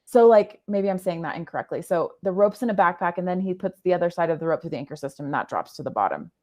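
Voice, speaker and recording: A woman's voice: fairly low pitch, lively intonation, a little mellow. A woman, a podcast guest, telling a personal story in earnest, often stopping to find the right words. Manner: earnest, halting, often stops to rephrase.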